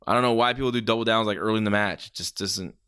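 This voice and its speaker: A man's voice: on the low side, rapid-fire, sharp tone, clean tone. A man doing casual play-by-play as a wrestling commentator, reacting with exclamations and the odd swear word.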